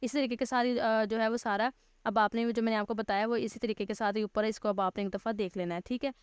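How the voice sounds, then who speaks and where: A woman teacher, giving a recorded grammar lesson. She reads English text slowly, then patiently explains it step by step, rephrasing points. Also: fairly high pitch, steady tone, clear, resonant tone, no room sound.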